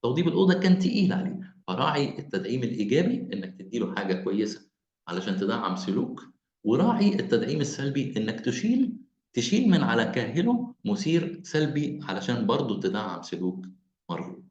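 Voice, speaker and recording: A man with an Egyptian Arabic accent lectures parents over a video call. He talks fast with a lively, swinging pitch and restates his points. The audio is roomy and muffled, like lo-fi call audio. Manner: animated, explaining with repeated phrases. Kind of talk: online lecture.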